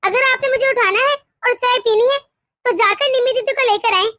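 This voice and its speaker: A woman voicing a sly, defiant young daughter-in-law in an animated cartoon, insistent and sweetly mocking. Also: very high voice, moderate pace.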